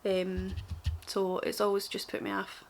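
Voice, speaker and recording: A woman's voice: medium pitch, monotone, measured pace, creaky. A young woman with a broad, strong Glaswegian Scottish accent, chatting casually and self-deprecatingly to camera in an informal, rambling makeup tutorial. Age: young adult. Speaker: beauty vlogger.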